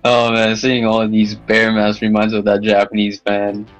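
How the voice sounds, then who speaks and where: A man's voice: fairly low pitch, monotone, normal speed, soft background music. A man casually joking and laughing with friends while playing a video game together. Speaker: gamer. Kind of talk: casual gaming chat.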